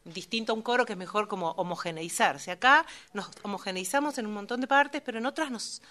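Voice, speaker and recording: A woman's voice: mid-range voice, fast, pushed and bright. Woman explaining at length. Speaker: singer in a vocal group. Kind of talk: interview answers.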